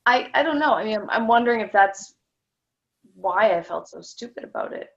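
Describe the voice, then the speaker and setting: Low raspy-fry woman repeating lines, halting, kinda muffled lo-fi sound. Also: expressive. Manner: hesitant, stumbling restarts, soft. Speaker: client in demonstration. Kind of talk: repeating phrases and recounting a memory. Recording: dull lo-fi sound.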